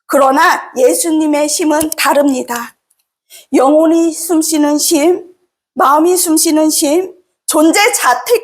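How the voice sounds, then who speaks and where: A woman officer giving a sermon in a gentle, soft-spoken way, slowing down for quoted words of comfort. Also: high voice. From South Korea. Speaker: Salvation Army officer preaching.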